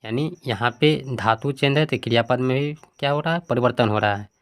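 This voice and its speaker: A man's voice: medium pitch, brisk, smooth. Man teaching a textbook lesson. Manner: asks questions then answers them himself; reads word forms out one by one.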